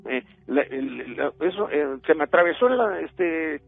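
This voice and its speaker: Calling a radio program on a tinny phone line with music, a middle-aged Mexican-accented man tells a ghost story haltingly and at length. He speaks a little slowly, his fairly high voice lively in intonation and touched with vocal fry.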